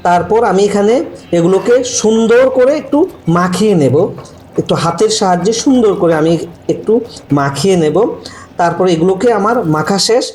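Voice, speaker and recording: A man giving slow, repetitive step-by-step cooking instructions for a recipe. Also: high voice, a little mellow, slight background noise. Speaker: cooking channel host. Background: frying and sizzling from the pan.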